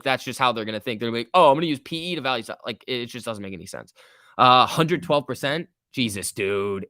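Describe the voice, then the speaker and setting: Reading and answering viewer comments with jokes and informal chatter, a man in his early twenties runs a casual trading livestream. He speaks at a medium pitch with a slightly bright voice, captured in clean studio sound without echo.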